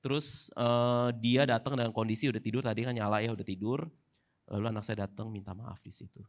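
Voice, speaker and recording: Easygoing Indonesian man, low voice. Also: fairly even intonation, a little fast. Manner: easygoing, humorous, acts out dialogue. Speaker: church speaker sharing testimony with his wife. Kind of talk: casual testimony in a church service.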